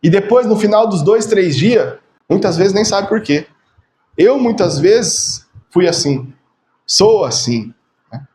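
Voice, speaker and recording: High-voiced chatty Brazilian preacher. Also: male voice, lively intonation, takes it slowly, a little mellow. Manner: chatty, tags phrases with "né?", repeats words for emphasis. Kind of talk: casual conversational sermon.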